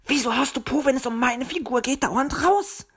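A tiny male bird chirps and hisses his complaints in a thin, high voice, quick to take offence, as a woman reading a storybook puts him on. He sounds touchy and shrill, pitched well above an ordinary speaking voice. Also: natural voice. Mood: indignant. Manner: piping, hissing, indignant.

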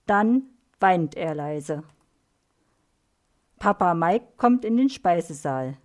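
A woman reading a children's story aloud in a clear, expressive storytelling manner. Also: on the low side.

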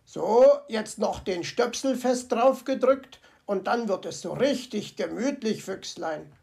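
A woman doing a chatty, fussy fox gentleman. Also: medium pitch, animated, unhurried, creaky. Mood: delighted. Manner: chatty, talks to himself, comic grumbling. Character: cheerful fussy male fox, Herr Fuchs. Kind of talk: storybook character voice.

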